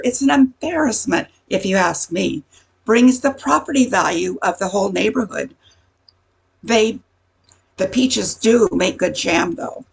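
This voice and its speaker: In a rough recording, an older woman uses an exaggerated, husky and creaky medium-pitched voice as a gossiping busybody in amateur radio comedy. Nosy, chatty and insinuating, she sounds disapproving here.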